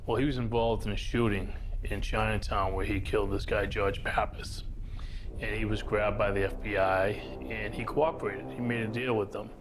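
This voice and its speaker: A man's voice: lowish voice, slight background noise. A man in a documentary interview, telling his story plainly with fillers. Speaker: interviewee recounting past crimes. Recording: music underneath.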